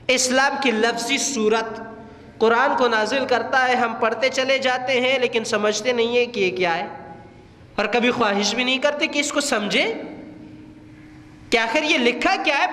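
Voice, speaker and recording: A male preacher with a Pakistani Urdu accent speaks in a very high, bright and forceful voice. He lectures earnestly and turns to his listeners with rhetorical questions. The sound rings around a large hall with a long reverb. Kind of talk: religious lecture.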